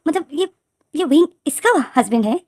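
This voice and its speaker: A woman voicing a brisk hospital nurse who announces news and asks short questions. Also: high voice, expressive, a little mellow, no room sound, clean studio sound, voice pushed up. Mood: announcing.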